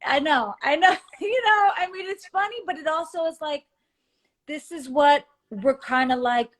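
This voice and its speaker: A woman speaks as a guest in a casual video chat. She talks haltingly, with a lot of restarts and fillers, in a fairly high voice that comes through a video call. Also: fairly bright tone. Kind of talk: casual conversation.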